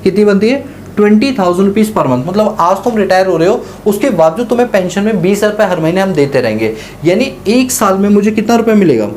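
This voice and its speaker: A man's voice: high-pitched, lively intonation, quick pace, a little mellow, a little hiss or hum. A male teacher giving a lecture, asking questions aloud and answering them himself while explaining through a first-person story.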